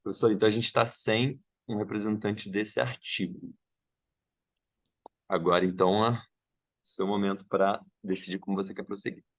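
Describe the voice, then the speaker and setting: A man's voice: lowish voice, level tone, normal speed. A man organizing an online academic session, checking details aloud as he goes. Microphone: video call.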